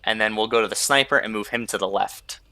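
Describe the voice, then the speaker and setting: A man's voice: fairly low pitch, fast, sharp tone, dry recording. A young man hosting a gaming video, rambling casually over his gameplay and filling gaps with "like" and "you know". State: sleepy, yawning. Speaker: gaming channel host.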